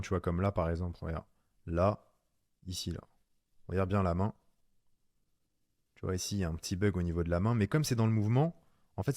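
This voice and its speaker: A man's voice: fairly low pitch, a little mellow, no echo, studio quality. A man giving a casual screen-recorded tutorial in French, chatty and slangy, talking straight to the viewer as "tu". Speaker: online course instructor.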